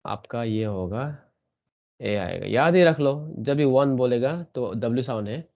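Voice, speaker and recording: A man's voice: medium pitch, animated, unhurried, creaky, dull audio. A man teaching an English grammar lesson in an online class, repeating sounds and asking checking questions. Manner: repetitive, drills sounds, asks checking questions.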